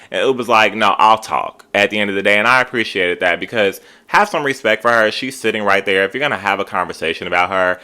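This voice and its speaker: A man's voice: low-pitched, sharp tone. A man giving casual, opinionated commentary as a reality TV reviewer, talking in an emphatic, slangy, conversational way.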